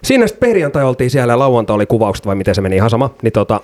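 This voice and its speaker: A man, co-hosting a podcast in loose chat. He is blunt and jokey and breaks into loud laughs. His pitch sits in the middle range. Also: very animated. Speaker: podcast co-host. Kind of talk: casual chat.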